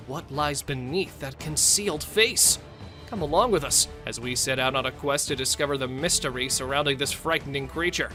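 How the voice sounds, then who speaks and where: A man's voice: on the high side, pushed and bright. A man reading scripted nature documentary narration for a video compilation. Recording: music behind the voice. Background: music.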